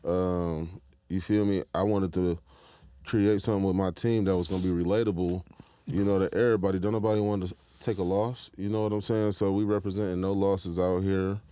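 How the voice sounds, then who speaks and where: A man's voice: sits low, level tone, fairly quick, mellow, smooth, dry recording. A young man from Michigan, a rapper guest on a podcast, talking in a laid-back, slangy way and often asking if the listener follows him. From Detroit, Michigan, US. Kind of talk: casual interview chat.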